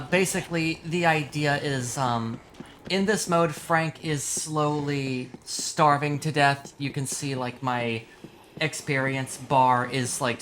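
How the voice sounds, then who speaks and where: A game streamer who sounds groggy and just woken up gives casual, sweary live commentary, explaining as he plays. His voice is medium-pitched and fairly bright, with a little hiss or hum in the recording.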